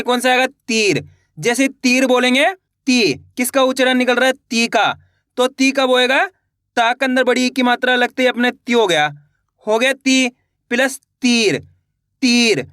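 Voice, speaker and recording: A male teacher with a very high voice that sounds bright and crisp leads a beginners' lesson. He asks each question and answers it himself, drawing words out slowly. The recording is dry and close, with no room sound. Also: no echo. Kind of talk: spoken Hindi writing lesson.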